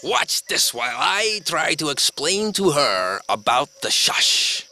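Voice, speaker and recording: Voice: mid-range voice, big pitch swings, slow pace, sharp tone, heavily acted. A jolly pirate host. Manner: boisterous pirate talk. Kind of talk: children's TV puppet comedy.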